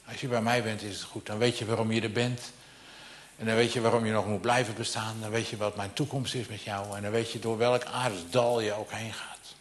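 Low-voiced preacher, loud then hushed. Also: male voice, flat delivery, brisk. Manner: swings between loud proclamation and near-whisper; direct, personal appeals to listeners. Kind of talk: sermon.

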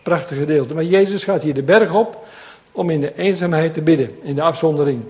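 A man preaches to his congregation, his voice pitched a little high. He tells the story in a lively, conversational way and turns often to address his listeners directly. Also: a little fast. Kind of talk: sermon.

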